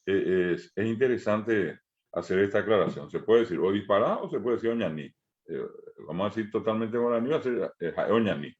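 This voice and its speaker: A low-pitched man with a Paraguayan Spanish accent leads an online language class over a muffled, lo-fi video call. He explains step by step, repeating example words slowly and pausing on frequent "eh" hesitations. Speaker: language teacher.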